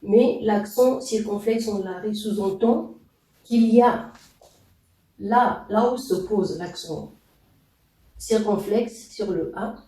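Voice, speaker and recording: A man teaching a language lesson, explaining slowly and deliberately with pauses and fillers. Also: high-pitched, dark tone, far from the mic. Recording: echoey room, voice off-mic.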